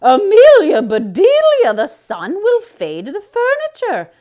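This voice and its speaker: A woman's voice: wildly swooping pitch, takes it slowly, dark tone, heavily acted. A woman voicing a flustered, exasperated lady of the house in a theatrical children's storybook reading. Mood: demanding. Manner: shrill, aghast, exclaiming.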